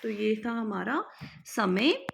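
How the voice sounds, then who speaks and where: A woman teacher giving a patient, step-by-step lesson, drilling each word slowly and repeating it. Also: fairly high pitch, creaky, a little hiss or hum. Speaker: Sanskrit teacher. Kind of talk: classroom-style lesson explaining step by step.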